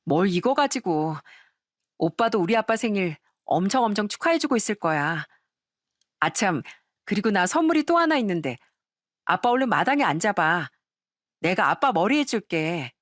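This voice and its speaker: A woman voicing an affectionate grown-up daughter who talks tenderly and teases gently in a storybook reading. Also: medium pitch, big pitch swings, normal speed, no echo, clean studio sound. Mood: cheerful. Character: adult daughter, cheerful and affectionate.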